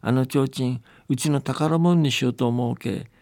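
A man doing a gruff old country grandpa. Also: medium pitch, a little slow, warm tone, no echo, clean studio sound, natural voice. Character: old male charcoal burner, rustic.

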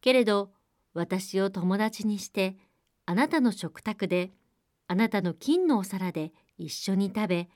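A woman voicing a squat, persistent male frog who speaks courteously and pleads in drawn-out calls. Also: medium pitch, lively intonation, darkish tone, no echo, studio quality, close to an everyday voice.

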